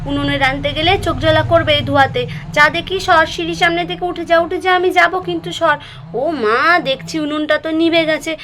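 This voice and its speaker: Woman, high voice, bossy scolding big sister for a doll story. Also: fairly even intonation, fast talker, a little hiss or hum. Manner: scolding, bossy, then soft and soothing. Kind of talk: scripted doll story acting.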